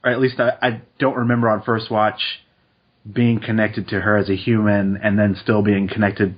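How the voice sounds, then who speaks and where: Husky man on a lo-fi podcast. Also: lowish voice. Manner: relaxed, laughs easily, quick asides. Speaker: podcast co-host. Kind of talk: casual chat, reading statistics aloud.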